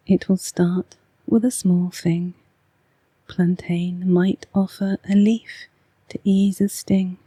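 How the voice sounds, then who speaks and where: A woman with an English accent speaks in a hushed, half-whispered ASMR voice, unhurried and very breathy. She reads oracle cards in a soft ramble, with a close, dry sound. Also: medium pitch, no echo. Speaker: oracle card reader and ASMR host. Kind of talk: soft-spoken rambling ASMR card reading.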